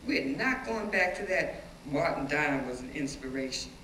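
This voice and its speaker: A woman with a deep voice performs a live stage reading for an audience, playing a defiant schoolteacher who plainly recalls riots through animated, emphatic storytelling punctuated by dramatic pauses. She's far from the mic, in an echoey indoor room, so the recording sounds roomy and noisy, like a hall captured from afar.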